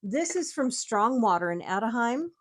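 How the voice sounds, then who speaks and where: Over crowd noise, a high-leaning, sing-song female voice speaks at a moderate pace. She is a guest from the United States who collects tiki mugs, chatting casually about her collection in detail and laughing frequently.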